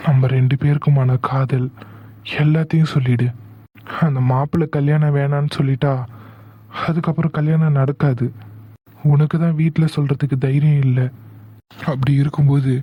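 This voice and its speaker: A man voicing a hot-headed young man in a cartoon, insistent and quick to anger, then soothing his sweetheart. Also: a little high, fairly even intonation, no echo, lo-fi sound, lightly acted. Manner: insistent, shifts from angry to soothing. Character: hot-tempered young man in love, teasing. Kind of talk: cartoon voice acting.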